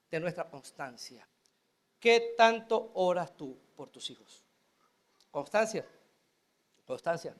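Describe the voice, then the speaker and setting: Pastor man preaching, high voice that jumps all over, acts out the prayers. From Venezuela. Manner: animated preaching, acting out prayers and dialogue. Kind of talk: sermon.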